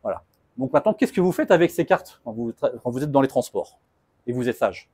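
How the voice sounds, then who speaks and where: A man talks fast through a casual technical presentation, his voice a little husky and rough at the edges. He jokes as he goes, loose and informal, and the sound is close and dry with almost no room around it. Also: medium pitch, a little mellow, dry recording. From France. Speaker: conference speaker.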